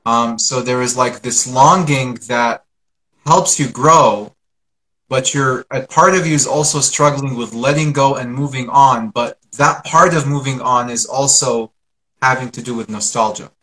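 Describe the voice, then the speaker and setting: A man hosting a conversational interview, putting questions deliberately and rephrasing them in careful pieces. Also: mid-range voice, pushed and bright, rough recording. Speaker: interviewer, host.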